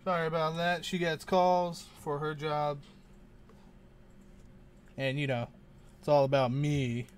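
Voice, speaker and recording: A man's voice: a little high, little pitch movement, slow, long pauses, slight background noise. A man hosting a casual unboxing video, rambling and muttering to himself, often unsure how to say things. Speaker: channel host opening card packs.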